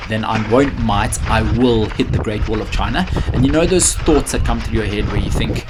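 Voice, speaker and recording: A man's voice: lowish voice, normal speed, background noise. A man narrating a first-person race recap as a runner, chatty and self-coaching, talking directly to the viewer. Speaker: vlogger and runner.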